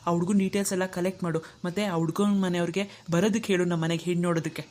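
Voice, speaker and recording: A woman's voice: fairly low pitch, fairly even intonation, rapid-fire, a little mellow, a little hiss or hum, lightly acted. A woman voicing a worried young husband and protective older brother in a cartoon, speaking earnestly. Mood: instructing. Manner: earnest, troubled. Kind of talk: cartoon dialogue acting.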